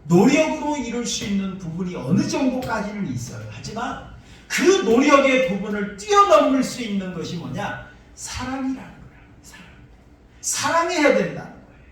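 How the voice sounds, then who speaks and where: A male pastor delivers a sermon in an emphatic, repeating cadence. His voice sits very high and rises and falls with wide swings. The sound comes from some distance off and rings around a large, reverberant church hall. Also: sing-song, normal speed, fairly bright tone. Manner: emphatic, repetitive preaching cadence. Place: church sanctuary. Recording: echoey church hall, voice from afar.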